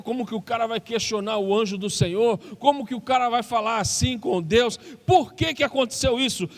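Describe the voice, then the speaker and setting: High-voiced Brazilian pastor preaching in a hall. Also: male voice. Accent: Brazilian Portuguese. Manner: impassioned preaching, reading scripture aloud slowly. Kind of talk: sermon. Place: church hall.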